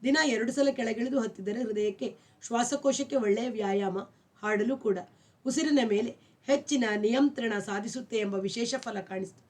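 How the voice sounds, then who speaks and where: A middle-aged woman reading a novel aloud as a storyteller, calm and even. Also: on the high side, moderate pace.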